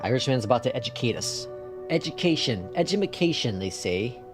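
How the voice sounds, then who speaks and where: With music in the background, this Upper Midwest man (Minnesota or North Dakota) gives casual live-stream commentary on his flight simulator. His medium-pitched voice is sing-song and brisk, carrying a Midwestern accent. He chats, mutters to himself while handling the controls, and swears mildly now and then.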